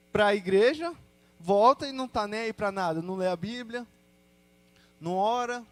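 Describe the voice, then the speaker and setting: A young Brazilian man with a notably high voice shares his faith story before a congregation. He talks casually, full of slang, and breaks into quick quoted asides as he goes. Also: no echo. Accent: Brazilian Portuguese. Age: young adult. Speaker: church testimony speaker. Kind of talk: personal testimony to a congregation.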